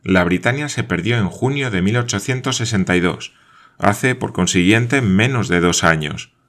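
A man's voice: fairly low pitch, moderate pace, fairly bright tone, close to an everyday voice. A man reading aloud voices an earnest male nobleman leading a search in a storybook, speaking eagerly and correcting others.

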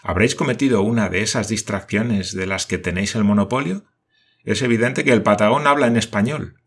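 A man reading an audiobook and voicing a calm, dryly ironic army major. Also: on the low side, a little fast, breathy edge. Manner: calm, dry irony. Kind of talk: audiobook character voice.

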